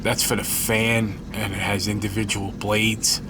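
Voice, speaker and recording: A man's voice: fairly low pitch, flat delivery, measured pace, background noise. A stuffed-up man chatting casually while showing his scale model build, rambling and correcting himself as he goes. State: stuffed up, congested. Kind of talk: casual hobby tutorial.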